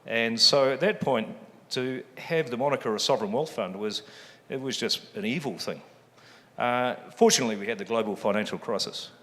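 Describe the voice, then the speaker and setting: A fund chief executive with a New Zealand accent speaks a little fast on a public forum panel, his medium-pitched voice fairly bright. He cracks jokes, often at his own expense, with many ums, and the big event hall adds a long reverb tail.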